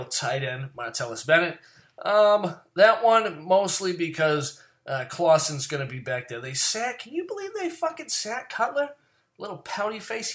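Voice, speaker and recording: Profane rambling man ranting about football. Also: a little high. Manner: profane, rambling, swings into loud rants. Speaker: fantasy football commentator. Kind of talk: casual solo commentary.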